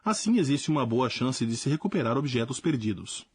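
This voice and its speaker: Guy reading out a language lesson, clear explaining tone, bit husky, dry studio sound. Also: medium pitch, big pitch swings, fairly quick, a little mellow, dry recording. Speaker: language teacher. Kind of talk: scripted lesson narration.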